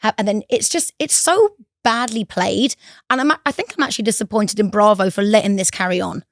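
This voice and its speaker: A woman co-hosting a casual talk show, gossiping with animated indignation. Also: medium pitch, a little fast, no room sound, clean studio sound. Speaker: podcast co-host. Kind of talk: casual chat.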